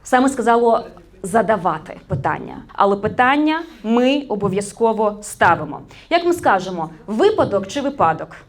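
With a mid-range, very animated voice at normal speed, a woman media trainer with a Ukrainian accent leads a workshop on proper Ukrainian. She quizzes listeners and corrects their frequent errors.

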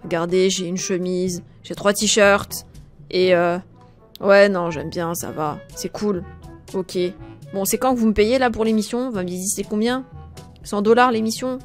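A woman's voice: medium pitch, a little slow, faint music behind, natural voice. A woman playing a sullen, blunt young female contestant, a gloomy loner, with an offhand grumbling way of talking in a comedy role-play.

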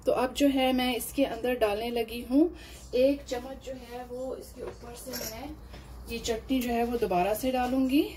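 A woman explains a home recipe step by step, unhurried and full of fillers. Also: fairly high pitch, steady tone, mellow, slight background noise, poor audio. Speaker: cooking channel host. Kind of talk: home cooking demonstration voice-over.

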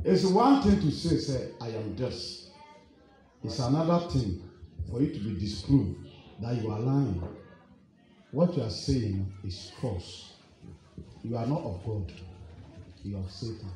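Pastor preaching in an echoey hall. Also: male voice, mid-range voice, animated, measured pace, pauses often, dark tone. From Ghana. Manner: preaching, rhetorical questions, mixing English and Twi. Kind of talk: sermon.

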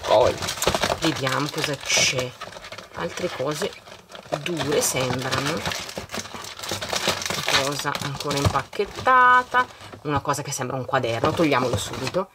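A middle-aged woman with a notably low voice chats casually to her viewers while decorating her planner and unboxing a surprise bag. She rattles off long lists of greetings in an easygoing way. The home recording carries clear background noise. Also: animated, a little slow, long pauses.

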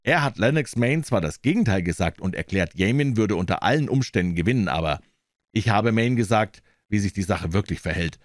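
A man's voice: on the low side, lively intonation, brisk, no echo, clean studio sound, lightly acted. A man playing a coarse, blunt stable hand who speaks with contempt. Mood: scornful.

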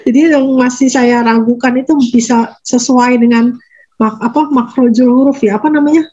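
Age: adult. Sex: woman. Role: interview guest. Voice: fairly high. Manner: rambling, halting, self-correcting. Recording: dull and lo-fi. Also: steady tone, warm tone. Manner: rambling, halting, corrects herself mid-sentence. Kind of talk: casual conversational interview.

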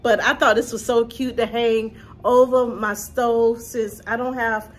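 A woman's voice: fairly high pitch, flat delivery, measured pace, faint music behind. A woman, chatting casually to camera about her thrift finds from her living room and calling her viewers y'all. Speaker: thrift haul vlogger. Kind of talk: casual haul vlog to camera.

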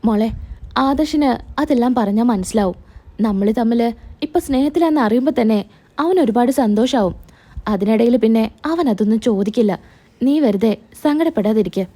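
A woman's voice: fairly high pitch, animated, moderate pace, warm tone. A soothing middle-aged mother-in-law, read by a woman. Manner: soothing, reassuring.

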